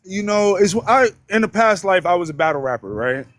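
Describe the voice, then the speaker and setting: An American man chatting as a guest on a live stream, voice sitting a bit high for a man. He talks in an emphatic, rambling way and swears casually. The sound is close and dry, with no room around it. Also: expressive, brisk, fairly bright tone, dry recording. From United States. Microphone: online live-stream mic.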